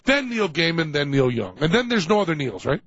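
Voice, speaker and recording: A man's voice: on the high side, big pitch swings, a little fast, a bit bright, husky, no room sound. A man with a New England accent hosting a casual radio talk show from a home studio, sputtering with mock outrage. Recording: dull lo-fi radio broadcast.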